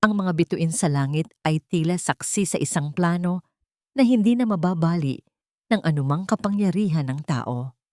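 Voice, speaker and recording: Reading a scripted dramatic story in audiobook style, this Filipino-accented woman speaks at a normal speed with lively intonation. Her lowish, darkish voice comes through a clean, dry studio recording.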